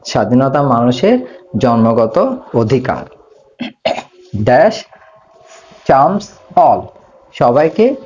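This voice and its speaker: A male English teacher works through a grammar exercise at a middle pitch. He poses questions and answers them himself, and draws out the English words slowly. The audio is slightly dull and lo-fi. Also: darkish tone. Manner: slows down to spell out English words. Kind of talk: grammar lesson.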